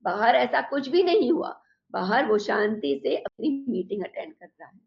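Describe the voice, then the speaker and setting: A woman in her forties talks about wellness with an animated, storytelling manner. Her voice sits a little high, with a gravelly fry. The recording sounds dull and lo-fi. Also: normal speed. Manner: animated, acts out everyday inner dialogue. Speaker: wellness speaker. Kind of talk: motivational talk.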